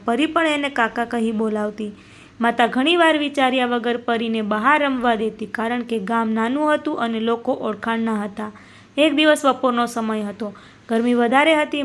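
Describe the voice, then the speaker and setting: Solemn woman narrating a moral story. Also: a little high.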